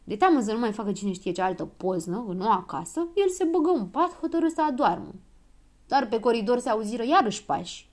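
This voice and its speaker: A woman narrating a children's audiobook with expressive storytelling. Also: on the high side.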